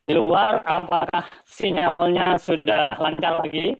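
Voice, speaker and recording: A man's voice: a little high, fairly even intonation, slow pace, no echo. A man making polite, formal announcements over a video call whose crackling sound keeps breaking up, often checking if he can be heard. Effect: choppy, crackling online call audio. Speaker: organizer giving announcements. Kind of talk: online meeting announcements. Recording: dull, lo-fi call audio breaking up.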